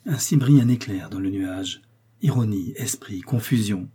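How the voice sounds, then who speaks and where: A man reading a classic story aloud as an audiobook, measured and storytelling. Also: lowish voice, warm tone, breathy edge. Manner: measured storytelling, voicing characters. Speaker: audiobook reader. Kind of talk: literary audiobook narration.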